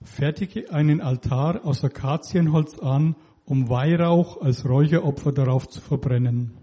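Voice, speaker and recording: A man with a husky, very dark voice interprets a sermon phrase by phrase, hesitating now and then. Scripture passages come out slower and more deliberate. The recording sounds dull and lo-fi. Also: on the high side. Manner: follows closely, hesitant fillers, slows for scripture readings.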